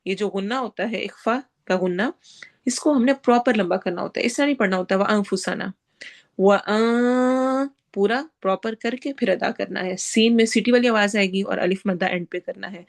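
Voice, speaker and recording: Female recitation teacher, brisk instructive delivery, mid pitch. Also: creaky. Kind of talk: tajweed lesson.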